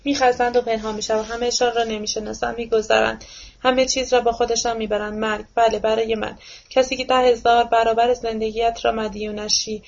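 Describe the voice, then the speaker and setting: A woman's voice: fairly high pitch, little pitch movement, vocal fry. A woman reading aloud and voicing a theatrical, self-pitying older man who hurls declamatory accusations in a dull lo-fi recording. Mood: accusing.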